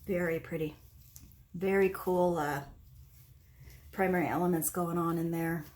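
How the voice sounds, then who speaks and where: A woman with a slightly low voice hosts a casual craft demonstration. She talks through each step as she works, unhurried and conversational. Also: fairly even intonation, a little mellow. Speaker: host of an acrylic pour painting tutorial. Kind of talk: casual craft demonstration, narrating as they work.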